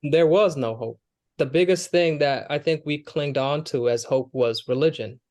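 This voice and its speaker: With a fairly high-pitched, darkish voice at a moderate pace, a young man responds to interview questions as a guest. He serves as an Air Force airman, comes from Kenya and has a Somali family, and his earnest, conversational answers are full of fillers and restarts.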